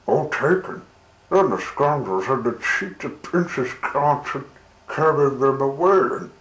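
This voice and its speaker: A man voicing an excitable, indignant locomotive fireman in a storybook reading. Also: medium pitch, unhurried, voice pushed up. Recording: roomy with faint hiss.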